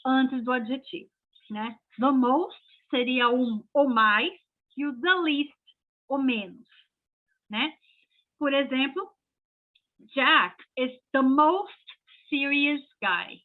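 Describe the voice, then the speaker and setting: A Brazilian woman teaching English in a casual, chatty way, often checking in with her listeners and saying her examples slowly and clearly. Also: sits high. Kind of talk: casual explanatory lesson. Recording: tinny phone-like audio.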